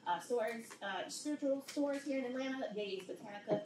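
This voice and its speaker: A woman's voice: fairly high pitch, fairly quick. Woman panelist in a reverberant noisy room. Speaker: writer and shop owner on a panel. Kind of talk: casual self-introduction. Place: indoor convention panel room. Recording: echoey noisy room, distant mic.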